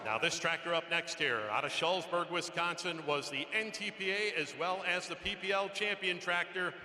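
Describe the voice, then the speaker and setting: A man announcing a tractor pull lineup over an arena PA, with showy, drawn-out introductions. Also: high voice, sharp tone. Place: large indoor arena. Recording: echoey arena PA with noise.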